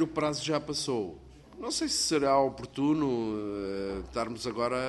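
A man's voice: medium pitch, a little hiss or hum. A man with a European Portuguese accent, a member of parliament, raising a formal objection in committee. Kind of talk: committee debate.

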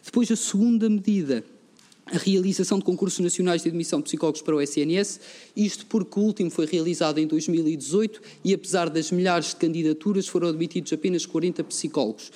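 A teenage man with a European Portuguese accent reads out a policy proposal in a fairly high voice. He speaks formally and trips over words now and then. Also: quick pace, dark tone. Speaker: youth parliament delegate.

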